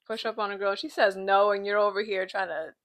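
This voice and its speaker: A woman's voice: mid-range voice, fairly even intonation, a little fast. A young woman co-hosting a casual book chat, quoting scenes and riffing on them with playful indignation. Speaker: book podcast co-host.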